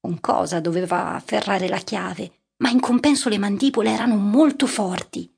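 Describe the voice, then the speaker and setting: Husky woman reading an audiobook. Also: mid-range voice. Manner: measured, steady literary reading. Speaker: audiobook narrator. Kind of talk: scripted audiobook narration.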